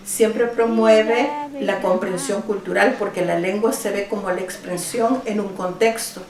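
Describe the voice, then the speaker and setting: A woman's voice: mid-range voice, fairly even intonation, unhurried, a crowd in the background. A woman from El Salvador, a teacher, answering interview questions at home, earnest and thoughtful with small restarts. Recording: roomy, mic at a distance.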